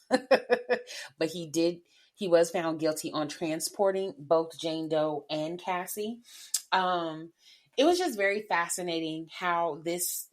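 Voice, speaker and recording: Podcast co-host, woman, lowish voice, casual and animated with frequent laughs. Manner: animated, chatty, laughs often. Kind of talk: casual chat.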